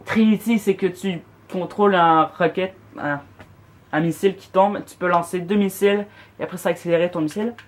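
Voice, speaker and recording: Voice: medium pitch, fairly even intonation, brisk. A gamer giving a casual, unscripted walkthrough, speaking informally to viewers in a hesitant, self-correcting way. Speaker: video game player presenting loadouts.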